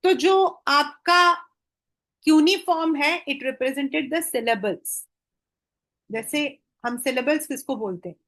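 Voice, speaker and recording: Slow, high-voiced Indian woman teaching. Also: fairly bright tone. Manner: mixes Hindi and English, slows way down on English phrases. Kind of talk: exam-prep history lesson.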